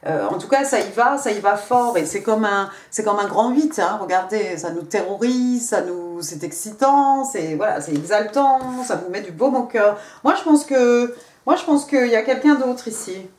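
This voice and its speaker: A woman reads tarot cards for her viewers in a loose, chatty way, stopping, restarting and repeating words as she goes. Her voice sits at an ordinary middle pitch. The room around her rings with a noticeable echo. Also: lively intonation, darkish tone. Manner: chatty, halting, repeats words, many fillers; speaks directly to the viewer. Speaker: tarot card reader. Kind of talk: casual tarot reading to camera. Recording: echoey room.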